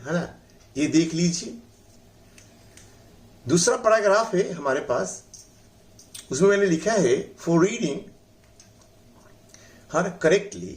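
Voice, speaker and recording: A middle-aged Indian man with a Bihari accent and a mid-range voice teaches English pronunciation. He says words slowly, syllable by syllable, repeats them, and frequently adds the filler "है ना".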